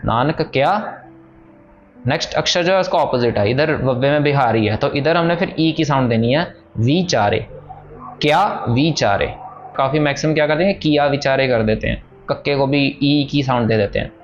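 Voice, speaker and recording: A man teaching how to pronounce scripture. He explains patiently, then recites each line slowly. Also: mid-range voice. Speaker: Gurbani pronunciation teacher. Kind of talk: pronunciation lesson, slow chanted recitation. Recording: dull lo-fi audio with soft music. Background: soft background music.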